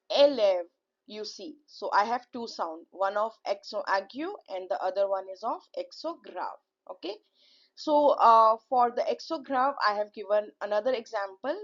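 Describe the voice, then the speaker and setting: A woman teaching a beginner language lesson, repeating key words and checking in with "okay" often. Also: on the high side. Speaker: French teacher. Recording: dull lo-fi recording.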